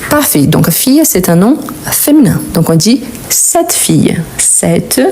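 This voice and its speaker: A woman's voice: on the low side, big pitch swings, a little slow, a little mellow, a little hiss or hum. Patient woman teaching grammar live. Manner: patient, explanatory, repeats key words. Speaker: French teacher. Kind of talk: live-streamed grammar lesson.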